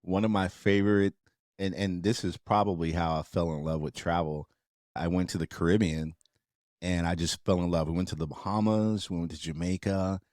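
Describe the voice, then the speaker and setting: A man hosting a podcast, asking questions in a relaxed, playful way and chatting about travel. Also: low-pitched, normal speed, no echo, studio quality. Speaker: podcast host. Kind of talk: casual chat.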